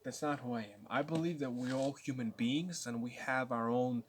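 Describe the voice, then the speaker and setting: Young man, nineteen, casual vlogger; rambling, halting, mid-pitched voice. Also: slight background noise. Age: late teens. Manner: rambling, with many restarts and stammers. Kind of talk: casual talk to camera.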